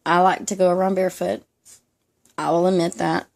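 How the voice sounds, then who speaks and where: A woman's voice: fairly low pitch, flat delivery, brisk, vocal fry, darkish tone. A young woman with a Southern American accent chatting casually to camera at home, rambling with many ums and laughing often. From Southern United States. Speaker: vlogger. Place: home room, dog nearby.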